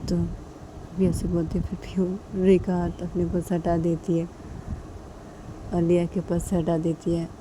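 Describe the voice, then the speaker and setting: A woman narrates a home-made romance story in a loose, rambling way, stringing events together with the same linking words over and over. Her voice sits on the low side for a woman. A faint background hiss runs under it. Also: completely flat delivery, measured pace, pauses often. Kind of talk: casual spoken story narration.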